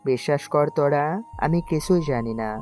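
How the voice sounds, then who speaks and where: A woman's voice: sits low, normal speed, a little mellow, faint music behind, close to an everyday voice. A woman voicing a quarrelsome young male university tough in an audio story drama, talking bluntly. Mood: troubled.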